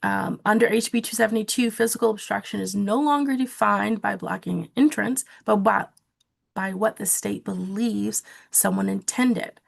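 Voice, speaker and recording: A woman presenting a training session, giving calm, practical coaching on how to testify. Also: medium pitch, normal speed, vocal fry. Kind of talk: instructional webinar talk.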